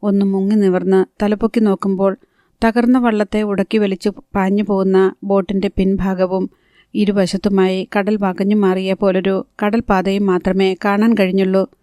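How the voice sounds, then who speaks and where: A woman narrating a novel as an audiobook, in a steady, even storytelling read. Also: mid-range voice, moderate pace, no echo, clean studio sound.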